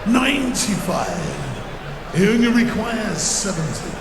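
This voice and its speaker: A man working as a darts score caller, announcing scores and legs in projected, drawn-out calls. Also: high voice, very animated, vocal fry. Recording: loud arena noise behind. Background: noisy darts arena.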